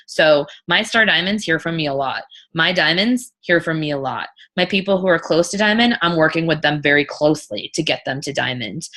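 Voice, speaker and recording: A woman's voice: fairly low pitch, bright, forceful tone. A woman leading an informal coaching talk as a team leader, blunt and emphatic, repeating her points and swearing freely.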